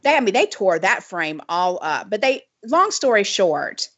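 A woman with a cackling laugh, co-hosting a casual chat podcast as an animated storyteller. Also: mid-range voice, a little slow, slightly rough, dry recording. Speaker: podcast co-host. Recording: slightly dull lo-fi audio.

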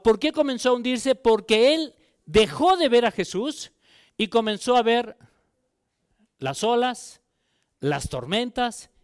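High, smooth-voiced male preacher. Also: no room sound, clean studio sound. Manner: reads scripture aloud, then asks the listeners rhetorical questions. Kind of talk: sermon with Bible reading.

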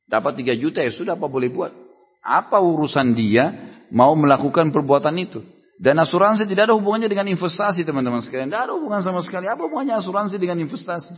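A man's voice: fairly high pitch, expressive, rapid-fire, breathy edge. A man preaching at a religious study gathering, answering questions in a conversational way, acting out little dialogues and firing off rhetorical questions. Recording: echoey hall, dull lo-fi sound.

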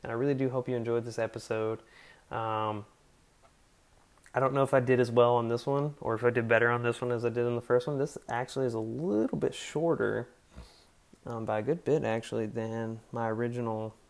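A man of middling pitch talks alone into his podcast mic. He rambles earnestly, circling back with fillers as he shares faith thoughts in a casual monologue. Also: vocal fry. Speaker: podcast host.

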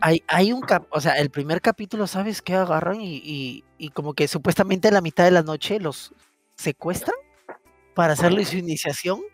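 High-voiced man, lively storytelling. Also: normal speed, dry recording, faint music behind. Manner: animated storyteller, laughs often. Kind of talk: casual chat.

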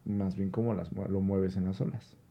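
A man's voice: sits low, steady tone, normal speed, creaky, dark tone. A young man with a Mexican Spanish accent, co-hosting a casual podcast chat. He jokes, laughs often and uses crude slang. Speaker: podcast co-host.

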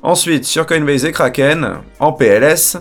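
A man's voice: on the high side, a little slow, soft background music. A man hosting a weekly crypto news bulletin to camera, delivering headlines with joking asides in an upbeat presenter manner. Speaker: crypto news show host.

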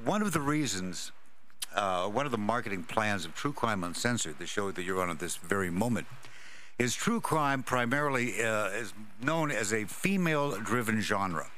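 A man with a bright voice at middle pitch hosts a casual radio show. He is jovial and halting, recorded in a bar with background noise. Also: expressive. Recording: noisy bar ambience.

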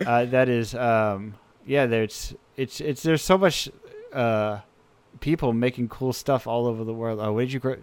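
A man's voice: medium pitch, a little slow, clear, resonant tone. A man hosting a radio show, talking in an enthusiastic, rambling way with many restarts. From United States. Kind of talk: casual chat.

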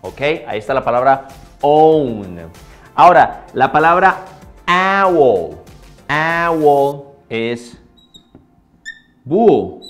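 A man giving a casual video English lesson, upbeat and repeating words slowly for learners. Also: mid-range voice, lively intonation, faint music behind. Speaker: English teacher.

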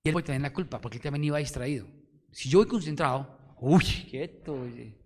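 Animated Colombian pastor in echoing hall. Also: male voice, medium pitch, a little fast. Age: middle-aged. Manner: animated, emphatic, full of rhetorical questions to the congregation. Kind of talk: sermon. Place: church hall. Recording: long hall reverb.

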